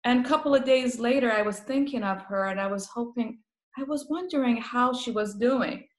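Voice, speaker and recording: This Persian-accented woman from Iran, whose first language is Farsi, has a fairly high voice and a moderate pace, with reverberant sound. She's chatting as a palliative care guest in a casual interview, telling stories amid laughs.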